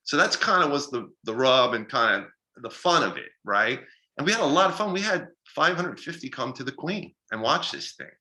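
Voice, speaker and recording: A middle-aged man with a bright, forceful voice tells stories in a relaxed interview. He is animated and pokes fun at himself, and he slips into the voices of the people he quotes. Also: mid-range voice, moderate pace. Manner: animated, self-deprecating, acts out quoted dialogue. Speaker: filmmaker and festival organizer. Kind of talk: casual interview storytelling.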